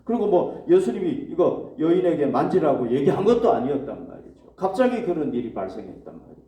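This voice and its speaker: A man preaches a sermon in a slightly high but mellow voice, putting questions to his congregation and answering them himself. He is recorded from a distance in an echoey church hall. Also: big pitch swings, fairly quick. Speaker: pastor.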